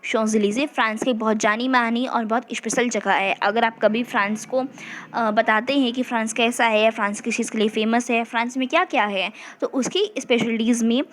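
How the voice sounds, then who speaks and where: A woman's voice: fairly high pitch, fairly quick. A woman teaching an online language lesson, patiently explaining in Hindi and English and reading dialogue aloud. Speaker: French teacher.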